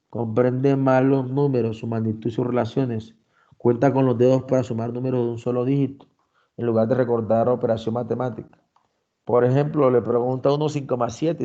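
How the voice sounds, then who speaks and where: A man's voice: mid-range voice, warm tone, muffled recording. A man presenting a lesson, reading criteria aloud and explaining them with examples, often checking in with his listeners. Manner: frequent fillers and restarts, checks with "¿no?". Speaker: lecturer.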